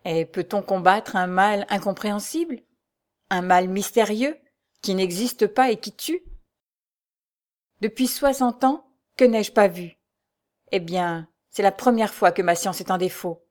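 A woman reading the part of an elderly male doctor, grave and sorrowful, with measured, somber replies. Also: medium pitch, a little mellow, natural voice.

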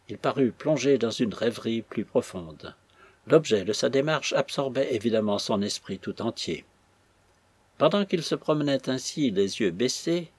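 A man narrating a classic novel in a measured, even reading voice. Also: mid-range voice, breathy edge, dry recording. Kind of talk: scripted audiobook narration.

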